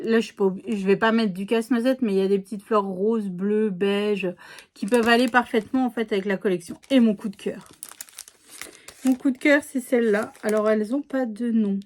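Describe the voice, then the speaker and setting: A middle-aged woman talks through her craft haul in a casual, rambling way, full of fillers and restarted sentences. Her voice sits a little high. There is paper crinkling as she handles the packages. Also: moderate pace, a little mellow. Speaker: scrapbooking vlogger.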